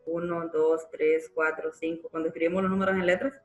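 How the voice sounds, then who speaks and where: A woman's voice: low-pitched, flat delivery, fairly quick, echoey room, faint music behind, poor audio. A woman teacher giving a live online grammar class, explaining patiently and checking in with frequent tag questions. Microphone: computer mic in a live online class.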